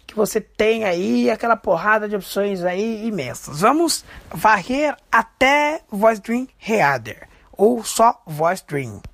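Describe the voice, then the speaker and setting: Male presenter, casual and chatty, gravelly, dry close sound. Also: high-pitched, takes it slowly, no room sound. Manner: relaxed, chatty, explains step by step. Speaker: tutorial presenter. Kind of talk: casual spoken tutorial.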